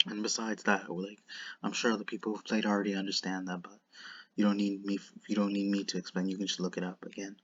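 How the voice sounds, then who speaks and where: A man speaks in a low, monotone voice, with a lisp that whistles on his s sounds. He comments off the cuff, haltingly, often repeating and restarting phrases. The microphone sound is dull and lo-fi. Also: slightly rough. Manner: halting and repetitive, circling back over phrases. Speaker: online commentator. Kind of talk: unscripted commentary.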